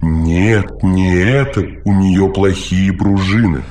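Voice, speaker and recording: Male reader playing a smothering robot caretaker, very low voice, preachy, audiobook. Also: slow pace, darkish tone. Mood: fussy. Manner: solicitous, lecturing, talks too much. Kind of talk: audiobook reading.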